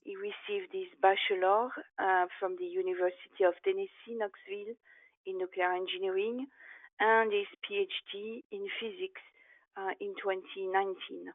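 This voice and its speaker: A woman's voice: medium pitch, little pitch movement, moderate pace, dry recording. A woman moderating a webinar, reading out a speaker introduction steadily, with occasional fillers. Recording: dry, tinny call audio.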